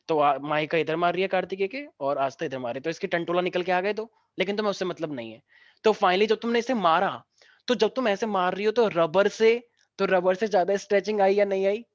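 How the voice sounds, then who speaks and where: A male physics teacher, teaching a class online, who mixes jokey stories into the lesson and dictates notes slowly. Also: high-pitched, no room sound. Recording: dry, dull lo-fi sound.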